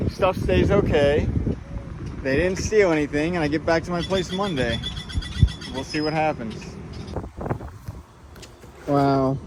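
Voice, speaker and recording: A man's voice: a little high, heavy background noise. A man vlogging on his phone outdoors in a city square, talking in an upset, rambling, repetitive way. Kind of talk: casual selfie vlog.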